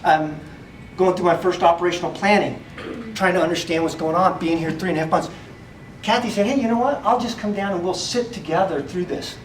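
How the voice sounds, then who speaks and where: A man's voice: high-pitched, a little fast. A man speaking to a crowd in a farewell tribute to a retiring colleague. He laughs often as he tells his stories. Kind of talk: informal speech to a crowd. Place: large indoor room at an office party. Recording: echoey room recorded from far off, faint noise.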